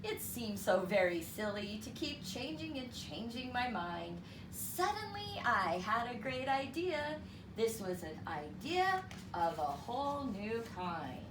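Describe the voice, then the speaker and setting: Pitched slightly high, this female reader tells a children's story with a counting lesson in an animated, unhurried, teacherly way. The mic sits far off in a roomy space, and background noise is plainly audible.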